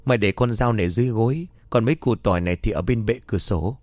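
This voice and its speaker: A man's voice: fairly low pitch, fast, darkish tone, no echo, close to an everyday voice. A man voicing a bossy young woman friend. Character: young woman, frightened friend who gives firm orders.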